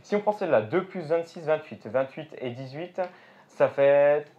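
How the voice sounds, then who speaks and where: Speaking a little slowly, this man's voice is a bit high and expressive. He is a stage magician from France, addressing the audience and thinking aloud during a live show. Music plays under a dull, lo-fi recording.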